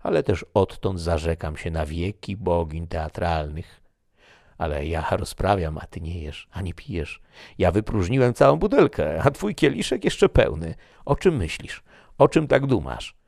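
A man voicing a jovial, talkative young nobleman who is easily moved, in an animated, exclamatory reading. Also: deep voice, measured pace, vocal fry, no room sound, studio quality, exaggerated voice. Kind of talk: audiobook character reading.

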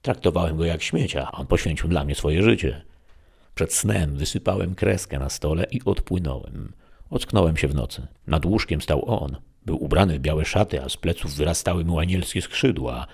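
Man, narrator, very low voice, gravelly, husky, wry sardonic audiobook reading. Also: moderate pace. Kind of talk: first-person audiobook narration.

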